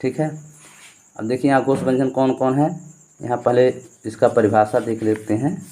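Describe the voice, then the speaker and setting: A man from India teaches an exam-prep grammar lesson. His voice is mellow and warm-toned, sitting at an ordinary middle pitch. He drills by asking questions and answering them himself. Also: steady tone, moderate pace.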